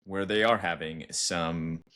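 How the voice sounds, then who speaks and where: A man's voice: low-pitched, fairly even intonation, takes it slowly, fairly bright tone. A man hosting a podcast interview, asking questions and giving brief, affirming replies. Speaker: podcast host.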